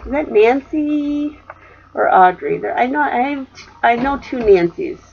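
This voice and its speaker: A woman's voice: a little high, lively intonation, a little slow, vocal fry, muffled recording, slight background noise. A middle-aged woman chatting casually as she shows off crafting mail in her craft room, rambling with many fillers. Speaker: craft vlogger. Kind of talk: casual show-and-tell chat. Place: craft room at home, indoors.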